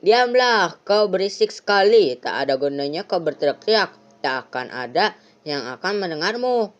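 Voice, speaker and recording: Creepy santa-type villain done by a woman, calm and cold, lowish voice, dull lo-fi. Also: close to an everyday voice. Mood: menacing. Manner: calm, menacing, slow. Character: sinister Santa-like night visitor who takes body parts. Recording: lo-fi, dull sound.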